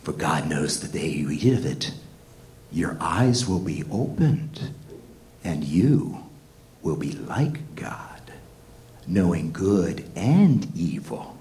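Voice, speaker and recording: A man voicing a sly male serpent-devil tempter in a slow, low, hushed whispered role-play. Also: very animated, heavily acted. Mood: sly tempting.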